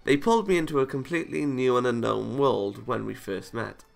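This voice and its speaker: A let's player reads a visual novel aloud, chuckling and tossing in casual comments of his own between lines. His mid-range voice is fairly quick with vocal fry, over soft background music.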